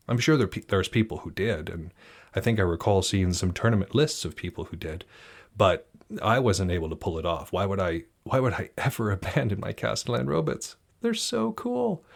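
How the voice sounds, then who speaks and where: A man, hosting a podcast in a relaxed, rambling way with restarts and fillers. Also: low-pitched. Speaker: podcast host. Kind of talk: casual solo podcast talk.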